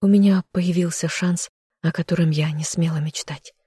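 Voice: mid-range voice, steady tone, normal speed, warm tone, slightly rough, dry recording, studio quality. A reader voicing a young woman heroine who speaks emotionally but firmly. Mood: resolute.

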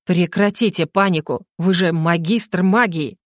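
A woman doing a gruff skeptical battle mage man. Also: lowish voice, unhurried, dry recording, clean studio sound, pitched below the performer's own voice, close to an everyday voice. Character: stern grumpy male battle mage.

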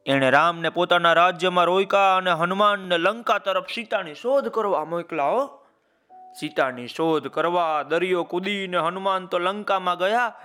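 A man's voice: high-pitched, moderate pace, sharp tone, clear, resonant tone. A man narrating a children's story, calling out to his listeners with folksy asides.

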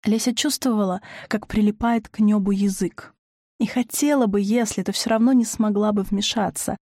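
Woman narrator, audiobook reading, measured, dry close sound. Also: medium pitch, fairly even intonation, dark tone, no echo.

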